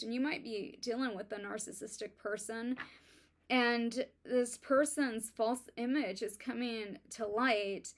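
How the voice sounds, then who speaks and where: A woman talks her viewers through a tarot spread, pausing often and circling back with fillers. Her pitch sits slightly high and her pace is unhurried. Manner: halting, many ums and likes, self-admitted stuttering. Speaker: tarot reader. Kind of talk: casual tarot reading to viewers.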